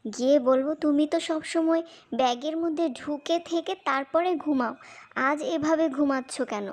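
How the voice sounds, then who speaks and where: Woman voicing a high-pitched, bold little girl. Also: normal speed, a little mellow, close to an everyday voice. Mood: urgent, plotting. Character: bold, protective young girl, clever elder sister. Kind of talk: children's fairy-tale audio drama acting.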